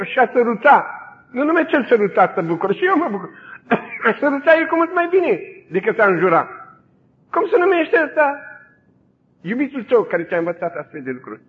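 Brutish secret-police captain, loud and raised, as a preacher acts him out; phone-like broadcast. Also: male voice, lively intonation, in a large hall. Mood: marveling. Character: brutal male secret police captain, gruff then wondering. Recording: tinny phone-like broadcast, faint rumble.

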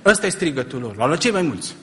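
A middle-aged male preacher with a high voice delivers an impassioned sermon. He fires rhetorical questions at his listeners and climbs to loud peaks. His voice rings out with the long reverb of a large church hall. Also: very animated.

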